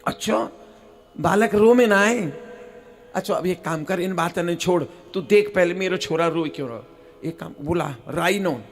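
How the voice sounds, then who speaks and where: A man with a Braj accent voicing Yashoda, a worried village mother pleading softly for her baby, in a devotional storytelling sermon. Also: high-pitched, moderate pace, pitched below the performer's own voice.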